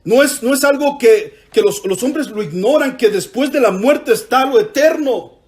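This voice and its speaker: A man's voice: extremely high pitch, animated, normal speed, a little mellow. A man preaching a sermon in church, emphatic, drawing the congregation into call-and-response.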